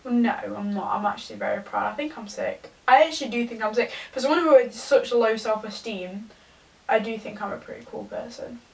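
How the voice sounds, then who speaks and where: A young woman, tipsy, giving a rambling, halting confessional rant to a camera some distance away. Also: fairly high pitch, vocal fry, darkish tone. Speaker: vlogger. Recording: distant from the mic.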